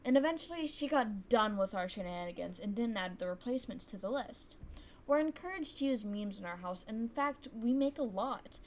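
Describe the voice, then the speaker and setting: A woman's voice: on the high side, expressive, normal speed, a little hiss or hum. A woman narrating a scripted storytime in an upbeat, playful way. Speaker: guest storyteller.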